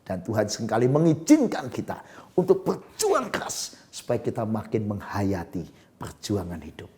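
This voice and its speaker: A male pastor preaching a sermon, moving between hushed murmurs and loud exclamations. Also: lowish voice, huge pitch swings, normal speed.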